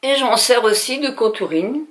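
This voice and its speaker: A woman's voice: on the high side, animated, moderate pace. An older woman from France chatting through a makeup tutorial at home, talking straight to her viewers with frequent hesitations. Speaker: beauty vlogger.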